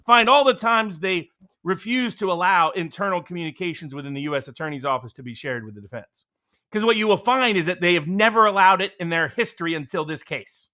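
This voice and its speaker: High bright-voiced emphatic male commentator. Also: expressive, brisk. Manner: emphatic, sarcastic, combative. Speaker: co-host. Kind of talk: political commentary chat.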